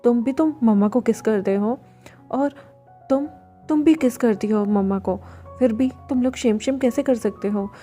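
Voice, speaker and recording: A hot-tempered young husband, read by a woman who scolds and nags in exasperation. The voice is mellow and mid-pitched, told like a storybook. Faint music plays underneath. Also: normal speed, close to an everyday voice. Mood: scolding. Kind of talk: storybook fan-fiction reading.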